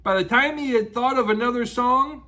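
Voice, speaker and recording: A man's voice: very high voice, moderate pace, bright, forceful tone. A man hosting a children's story time, reading aloud like a rambling, playful grandpa, drawing out and repeating words, with exclamations and sound effects. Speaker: children's storytelling show host. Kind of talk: animated read-aloud children's storytelling with asides to listeners.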